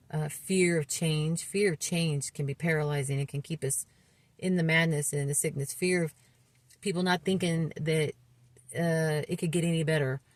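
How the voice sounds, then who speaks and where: A woman in her fifties speaking candidly about her own recovery, earnest and halting, with frequent restarts and fillers. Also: low voice, dry recording. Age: 50s. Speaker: recovery vlogger. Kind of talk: candid personal testimony.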